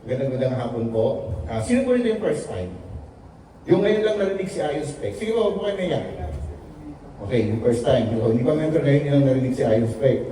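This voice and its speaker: A man's voice: medium pitch, animated, a little fast, warm tone, a little hiss or hum. A man from the Philippines giving a joking, storytelling testimony to a seated audience at a business presentation. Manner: joking, storytelling, acts out quoted dialogue. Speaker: invited speaker at a business presentation. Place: large echoey meeting room. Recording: very echoey room, voice from far off.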